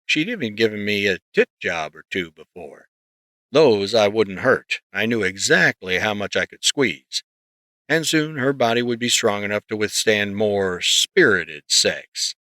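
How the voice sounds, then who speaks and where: A man narrating a story in the first person, reading in a steady, measured way close to the mic. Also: lowish voice, no echo. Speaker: audiobook narrator.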